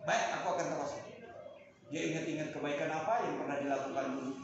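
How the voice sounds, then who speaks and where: A man delivers a lively sermon, his voice slightly high and jumping to sudden loud peaks as he tells stories. He is recorded from a distance in a very echoey room, the sound muffled and dull with steady background noise. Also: fast. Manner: animated storytelling with sudden loud peaks, Arabic recitation. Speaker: preacher.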